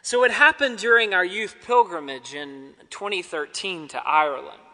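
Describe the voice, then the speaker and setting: Man, preacher, sermon, bright voice, long hall reverb. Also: high voice, normal speed. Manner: expressive, calls out names and lines for the congregation. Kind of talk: sermon with storytelling and call-and-response. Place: church sanctuary.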